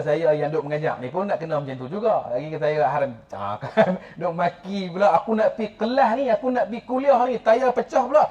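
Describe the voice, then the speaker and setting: A male religious teacher with a Kedah accent lectures in a mosque, his voice sitting high for a man. He is animated and teasing, acting out grumbling quotes between points. The recording sounds dull and lo-fi. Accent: northern Malaysian (Kedah).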